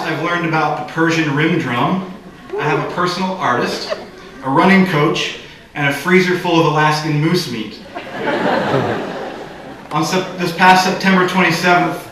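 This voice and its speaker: A Bay Area man with a somewhat high voice gives a commencement speech in a large hall at a graduation ceremony. His warm, joking delivery draws audience laughter, and the recording is echoey, with a distant mic and background noise.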